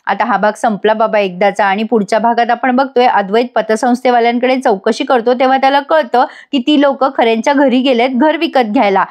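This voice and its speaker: A woman's voice: fairly high pitch, fairly quick, hardly any pauses, darkish tone. Chatty woman recapping a TV serial. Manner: chatty, addresses viewers directly. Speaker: TV serial reviewer. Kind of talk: voice-over episode recap.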